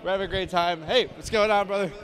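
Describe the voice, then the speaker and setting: A man's voice: high voice, fast talker, a bit bright. A man in his thirties hosting a casual walking tour of a convention hall, joking and self-deprecating, talking into a handheld mic. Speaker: host. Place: large convention hall indoors.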